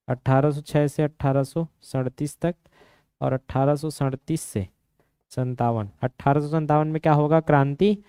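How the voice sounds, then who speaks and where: A man teaching an exam-prep history lesson, quizzing students with quick questions and memory tricks. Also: mid-range voice, dark tone, clear, resonant tone, no echo, clean studio sound.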